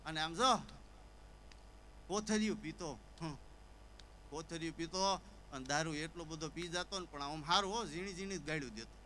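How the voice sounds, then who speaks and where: A man with a voice on the high side tells a funny Gujarati folk story on stage at normal speed, pausing often. As a stand-up comedian, he brings characters to life with stammers and sobs. The rough recording has slight background noise.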